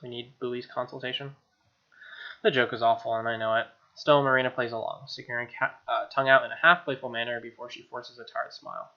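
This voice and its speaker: Game music plays behind this streamer as he talks quickly in a flat, mid-range voice, mixing casual chat, narration read aloud and muttered asides. The highs are cut off in the audio.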